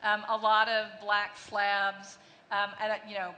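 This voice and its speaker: Here a woman executive responds to panel questions in a large conference hall, with long reverb and faint noise on the recording. Her mid-range voice is bright and forceful but completely flat, a little slow, and though fluent she often restarts and uses fillers.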